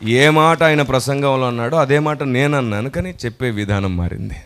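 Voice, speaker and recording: A male pastor preaching a sermon that is full of stories, emphatic and rising to loud exclamations, and acting out the voices of people in his stories. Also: medium pitch, brisk, a little hiss or hum. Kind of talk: sermon with storytelling.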